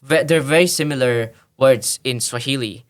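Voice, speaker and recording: A Tanzanian podcast guest talks at normal speed in a medium-pitched voice. Over a conversational interview he explains at length and thoughtfully, restarting himself often.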